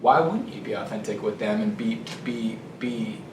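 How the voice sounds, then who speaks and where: A man with a lowish voice speaks at normal speed, offering conversational sales advice as a trainer and host; he's blunt and emphatic, repeating phrases for stress. The recording is noisy, with an echoey room and a distant microphone.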